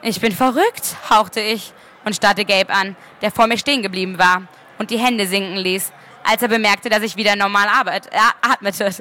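A woman author reading her novel aloud at a book fair, lively and expressive. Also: mid-range voice, normal speed.

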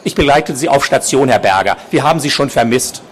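A man's voice: mid-range voice, expressive, a little fast, slight background noise, voice pushed up, close to an everyday voice. A man voicing a frightened but composed female nurse who speaks firmly, while reading from his novel. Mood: tense firm. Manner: firm, controlled.

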